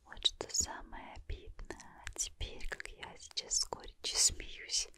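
A tired young woman chatting in a gentle, breathy whispered murmur, ASMR style, very close to a condenser microphone. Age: young adult. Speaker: ASMR host. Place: small dim room, lying on a pillow. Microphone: large condenser mic very close to mouth.

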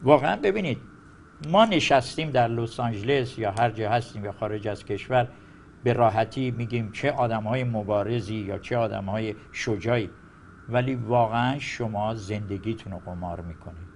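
A man speaking as a guest commentator on a political panel, emphatic and argumentative, dropping his voice low on his conclusions. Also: a little hiss or hum.

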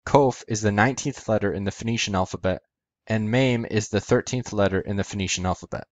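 A man's voice: lowish voice, fairly quick, dry recording, muffled recording. A man hosting an educational video, narrating a methodical scripted explanation step by step.

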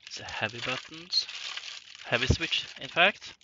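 A man casually narrating an unboxing of simulator parts at his desk, thinking aloud with hesitant pauses. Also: medium pitch. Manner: slow, halting, thinking aloud with frequent pauses. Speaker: hobbyist unboxing flight simulator cockpit parts. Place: indoor workshop room at a desk. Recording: dull lo-fi sound with clear rustling and clicking noise.

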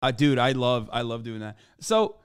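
A man's voice: medium pitch, sing-song, moderate pace, clear, resonant tone, dry recording, studio quality. Profane, blunt male streamer. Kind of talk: casual reaction commentary.

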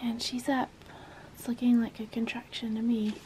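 A woman's voice: on the high side, little pitch movement, normal speed, very noisy. A woman in her thirties vlogging casually, often dropping to a whisper while filming in a barn at night. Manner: soft-spoken, often whispering. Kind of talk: casual vlog narration. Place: wooden barn at night and farmhouse kitchen.

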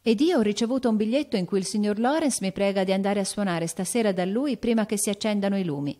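A woman voicing a shy, gentle teenage girl in an audiobook, timid and soft-spoken. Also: mid-range voice, fast talker, voice pushed up, close to an everyday voice. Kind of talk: audiobook character voice.

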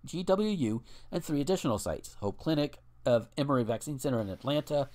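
Speaking fairly quickly in a medium-pitched, somewhat dark voice, an animated man co-hosts a laid-back podcast. His rants are profane and blunt, full of restarts, and now and then he reads from a news article.

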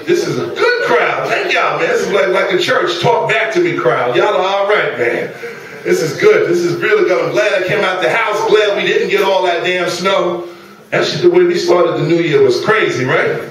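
A man with a Queens New York accent doing stand-up comedy in an animated, streetwise, slangy delivery to a live club crowd. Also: high-pitched, normal speed. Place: small comedy club stage. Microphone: handheld stage microphone, filmed from the audience. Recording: echoey club, distant camera, loud crowd laughter.

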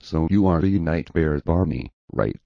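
A man's voice: sits low, unhurried, gravelly, dry recording. A synthetic male text-to-speech voice playing a stubborn, sarcastic young man who mocks a cartoon dinosaur. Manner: mocking, flat and sarcastic. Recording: dull dry lo-fi audio.

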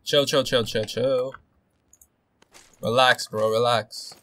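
Excitable young man narrating gameplay. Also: mid-range voice, takes it slowly. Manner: excitable, swearing, shifts between hushed nervous muttering and yelling. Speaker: gaming video host. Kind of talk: casual gameplay commentary.

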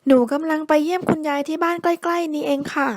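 A small, friendly girl from a bedtime storybook, voiced by a woman asks polite, curious questions. Her voice is pitched high and bright. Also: fairly even intonation, quick pace.

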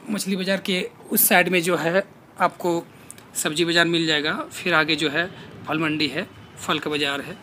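A man, walking through an outdoor fish market and narrating a casual vlog into a phone held at arm's length, pointing things out in a plain, unhurried way. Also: on the high side, level tone, pushed and bright, poor audio. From India. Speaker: vlogger. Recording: outdoor street noise and traffic.

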